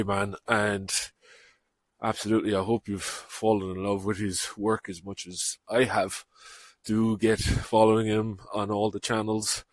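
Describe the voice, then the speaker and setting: A man's voice: lowish voice, no room sound, clean studio sound. Rambling man hosting a podcast. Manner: rambling, chatty, self-deprecating. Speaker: podcast host. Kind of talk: casual podcast outro. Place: outdoors on a walk.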